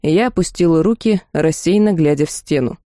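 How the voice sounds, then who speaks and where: A woman's voice: low voice, moderate pace, mellow, no room sound, clean studio sound. A woman reading a first-person fantasy novel aloud as an audiobook narrator.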